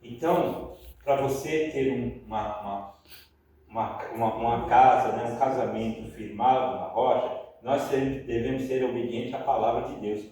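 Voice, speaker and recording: A man preaching a sermon about marriage, chatty and animated, often laughing as he talks. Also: medium pitch, normal speed. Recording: echoey room, mic far off.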